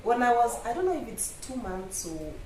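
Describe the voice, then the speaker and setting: A woman's voice: fairly high pitch, big pitch swings, normal speed, a little mellow. A woman from Kenya with a Kenyan accent, chatting casually and reflectively about herself, often adding "you know". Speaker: vlog guest. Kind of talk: casual personal chat. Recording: echoey room, distant mic, faint noise.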